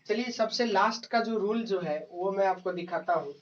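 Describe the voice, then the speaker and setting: A man teaching English grammar in a slow classroom explanation, repeating words, spelling them out letter by letter and answering his own questions. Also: sits high. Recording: distant, dull lo-fi mic.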